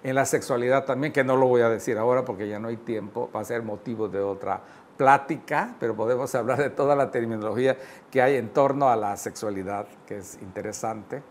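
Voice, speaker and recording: Male lecturer with a Yucatecan accent, mid-pitched and unhurried, fond of "¿no?" tags; faint noise in the background. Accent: Yucatecan Spanish. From Yucatán, Mexico. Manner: measured, with frequent "eh" fillers and "¿no?" tags. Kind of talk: online lecture.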